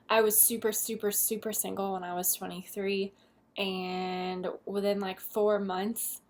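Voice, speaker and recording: A woman in her twenties talking candidly in a casual advice vlog, dropping into whispered asides. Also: mid-range voice. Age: 20s. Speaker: vlogger.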